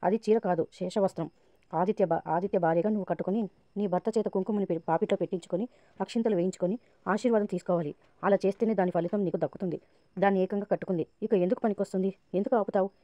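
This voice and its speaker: A stern mother-in-law who scolds the household, read aloud by a woman narrator. The delivery is quick and dark-toned, with dry, dull sound. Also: medium pitch, steady tone, no echo, lightly acted.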